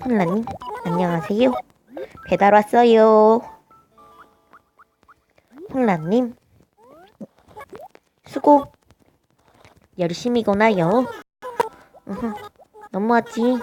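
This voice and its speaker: A woman streamer talks her way through a cozy game at an unhurried pace, her naturally high voice full of little "uh"s and questions to herself. A faint hiss of noise sits under the recording. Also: mellow. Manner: chatty, hesitant, lots of filler sounds and self-questions. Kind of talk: casual gameplay commentary.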